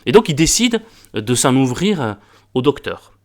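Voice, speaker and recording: Un homme qui commente des pièces classiques dans une vidéo, de façon décontractée et enjouée. Il cherche souvent ses mots et se répète, mais son intonation reste très vivante. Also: male voice, medium pitch, sing-song, moderate pace. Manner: hesitant, many fillers and repeated words; amused, enthusiastic about the comedy. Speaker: book reviewer and reader. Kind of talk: casual spoken literary commentary.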